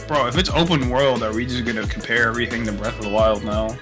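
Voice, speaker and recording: A man's voice: medium pitch, fairly even intonation, fast talker. A young man giving blunt, slangy opinions in a casual gaming chat. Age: young adult. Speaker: podcast co-host. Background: music in the background.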